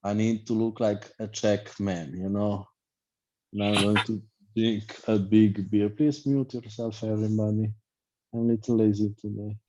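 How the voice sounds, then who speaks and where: A man's voice: on the low side, little pitch movement, moderate pace, dark tone, lo-fi sound. A man with a loose, blunt manner, filler-heavy and repetitive, giving an online class as a life coach over a video call.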